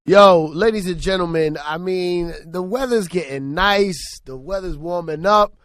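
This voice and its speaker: A male host with a fairly high voice brings hyped, jokey energy to his introductions. The recording is dry and close. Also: a little slow, a bit bright, dry recording. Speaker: show host.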